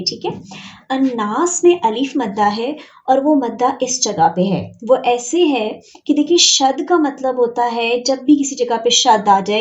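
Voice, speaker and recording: A woman teaching an online Quran reading lesson, explaining each rule step by step and drawing out example words slowly. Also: on the high side, a little mellow.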